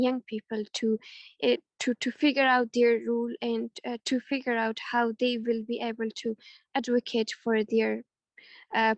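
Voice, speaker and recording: A woman's voice: fairly high pitch, creaky, no echo. A young woman from Afghanistan speaking on a webinar panel, earnest and hesitant, with many fillers. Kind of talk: webinar presentation.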